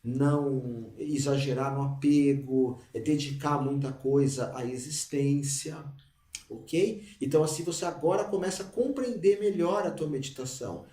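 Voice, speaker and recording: A man's voice: mid-range voice, normal speed, mellow. A man who teaches meditation in an informal, conversational way and sometimes chants single syllables. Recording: roomy, mic at a distance.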